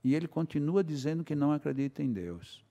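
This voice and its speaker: At a spiritist center, a man with a Brazilian Portuguese accent gives a talk, telling anecdotes and acting out both sides of the dialogue. His slightly high, warm voice moves quickly with lively intonation. The lecture hall adds a long reverb.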